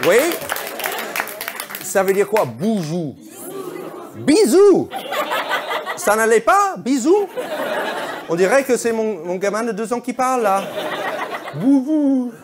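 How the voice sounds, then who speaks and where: Man, stand-up crowd work, high voice, animated pitch, playful puzzled questions, theatre audience laughing. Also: normal speed, long pauses, noisy background. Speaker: stand-up comedian. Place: theatre stage before a live audience.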